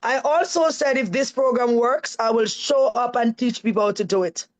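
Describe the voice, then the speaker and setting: A woman's voice: fairly high pitch, normal speed, poor audio. A woman with a Jamaican accent, a guest on a live-stream interview, telling her story in an earnest, emphatic way. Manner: earnest and emphatic, often adds "right?".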